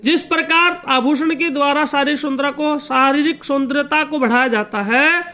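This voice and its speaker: A music teacher talks through a lesson in a high-pitched voice. He explains each term slowly and repeats it, and now and then he sings out long, drawn-out sargam notes as examples. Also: sharp tone. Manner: slow repetitive explanation, stretching out sung sargam notes. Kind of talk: spoken lesson with sung note examples.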